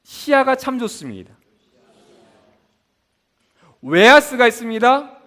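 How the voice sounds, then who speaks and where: High voiced guy teaching bible class, asks "what was it?" then answers himself, very lively pitch. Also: takes it slowly. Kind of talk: mnemonic lesson with call-and-response questions.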